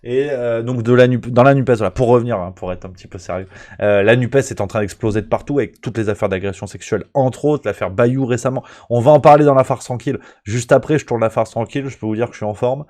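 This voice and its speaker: A man's voice: mid-range voice, quick pace, darkish tone. A man hosting a casual talk, rambling and joking with many fillers. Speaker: host. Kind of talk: casual political chat.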